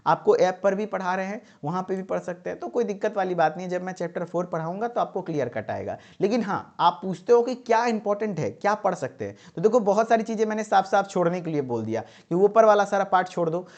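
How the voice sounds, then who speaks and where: A man's voice: high voice, lively intonation, quick pace, hardly any pauses, a little mellow, lo-fi sound. Emphatic man teaching pharmacy. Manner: repetitive, emphatic, checks in with "ठीक है". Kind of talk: exam-tips lecture.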